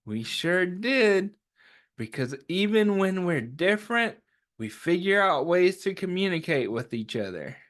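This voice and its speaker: Hosting a children's story time, a man reads aloud and chats encouragingly with young listeners, often posing questions and answering them himself. His voice sits high with big swings in pitch, an unhurried pace, and a fairly bright tone.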